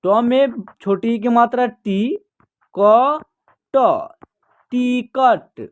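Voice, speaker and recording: A patient teacher in a beginner reading lesson. The teacher says each word, then repeats it, stretching the syllables out slowly so learners can follow. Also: medium pitch, lo-fi sound. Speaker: Hindi teacher.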